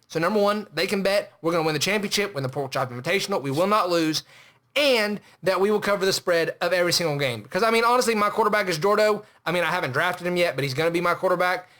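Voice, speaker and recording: A man with a high, bright voice and a forceful tone hosts a comedy podcast. In a comedic character monologue, he rambles on boastfully, sounding self-important.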